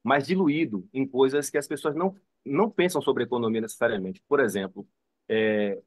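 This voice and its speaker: A man from Salvador, Bahia, Brazil, speaking Portuguese with a Bahian accent, makes a loose, rambling remark as a psychoanalysis student taking part in an online seminar. His voice sits in the mid-range, his pace is moderate, and the recording is dry.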